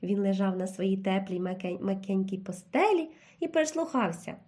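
A woman narrating a children's fairy tale in an expressive, animated storytelling manner. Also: medium pitch, moderate pace.

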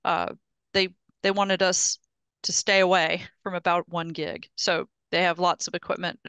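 Gravelly, forceful woman on a headset. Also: on the low side, flat delivery, moderate pace, no echo. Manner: explains step by step, often restarting words. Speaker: project presenter at an engineering meetup. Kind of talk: casual technical update. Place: home office on a video call. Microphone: headset mic.

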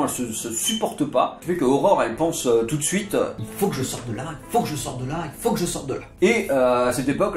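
A man giving a casual, chatty history lesson, full of jokey asides and digressions. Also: mid-range voice. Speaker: literature video host. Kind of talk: casual storytelling lecture. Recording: echoey room with faint guitar music.

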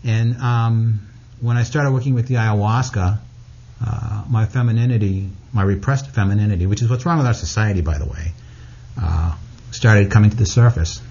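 A man's voice: lowish voice, moderate pace, mellow, breathy edge, muffled recording. A man being interviewed as an author, speaking frankly and bluntly, cursing freely. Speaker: guest author. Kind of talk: candid interview talk.

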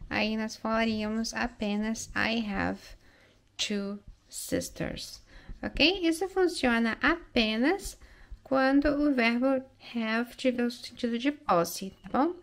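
A Brazilian woman English teacher who explains phrases in Portuguese and keeps checking in with "né?" and "ok?". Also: a little high. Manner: slow, careful delivery with frequent check-ins like "né?" and "ok?"; reads English lines aloud slowly and clearly.

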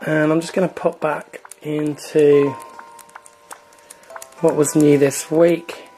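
The recording is rough, with soft background music, and the man talks slowly in a voice on the high side. Hosting a gaming channel, he chats in a relaxed, filler-laden way while walking through a console's online store.

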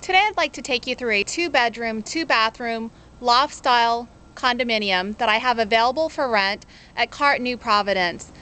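A woman in her thirties speaks in a slightly high, pushed and bright voice at a normal speed, with clean sound. Working as a real estate agent, she films an upbeat tour of a rental condo with a handheld camera, stepping from the front door outside into the empty condo and highlighting each room as she goes.

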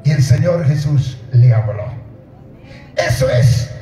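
A middle-aged man preaching at night on an outdoor stage, speaking into a handheld mic, calling out to the congregation and shouting at the peaks. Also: on the high side, expressive, slow pace, soft background music. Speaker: pastor. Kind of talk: open-air sermon. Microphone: handheld mic through PA, filmed from far. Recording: echoey PA sound from far off.

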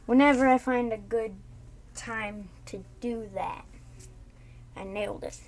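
A woman giving casual gameplay commentary in a sleepy monotone, having just woken up. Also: on the high side, slow, a little hiss or hum. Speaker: gaming YouTuber.

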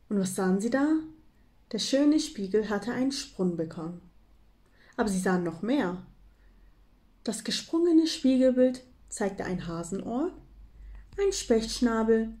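A woman reading a children's storybook aloud, with gentle, clear storytelling. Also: a little high. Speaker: reader of a children's book.

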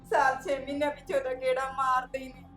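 Brief: actress as emotional young married sister, high-pitched, tearful. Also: female voice, flat delivery, fast, fairly bright tone, soft background music. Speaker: married sister welcoming her brother. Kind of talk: village drama acting.

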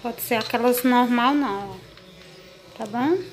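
Faint music plays as a Brazilian-accented woman, speaking a little slowly in a slightly high voice, casually walks viewers through things in her home kitchen. She's a home vlogger recording indoors on a phone or camera held in her own hand.

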